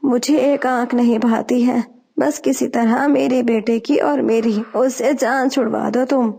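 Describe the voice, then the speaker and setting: Cartoon mother-in-law bird, spiteful, bossy, gravelly high voice, a woman voicing her. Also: steady tone, warm tone. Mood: scolding. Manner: scolding, bossy. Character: old female sparrow, spiteful mother-in-law.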